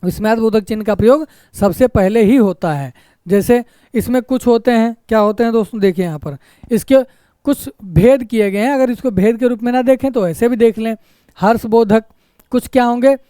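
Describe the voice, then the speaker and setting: A mellow, softly rounded voice of a grammar teacher running an exam-prep lesson. Points come back again and again, each followed by a checking "isn't it?", with short exclamations acted out as examples. The recording is close and dry, with almost no room around it. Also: medium pitch, normal speed, no echo. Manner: repetitive, keeps asking "isn't it?" tag questions. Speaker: Hindi teacher.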